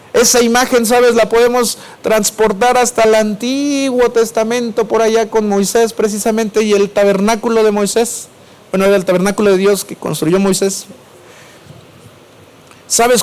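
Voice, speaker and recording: A male preacher with a Mexico City Spanish accent, giving a sermon and asking the congregation questions before answering them himself. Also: sits high. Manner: swings between raised and dropped voice.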